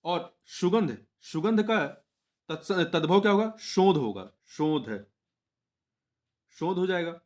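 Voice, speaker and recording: A man's voice: sits high, lively intonation, slow, long pauses, a little mellow. A young man teaching exam preparation, going through test questions one by one, patiently repeating each answer and correcting himself mid-word. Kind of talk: explaining Hindi test answers.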